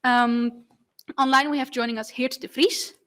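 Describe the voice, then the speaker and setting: A woman's voice: high-pitched, fairly even intonation, normal speed, a bit bright. A woman moderating a conference panel, introducing guests with frequent hesitations.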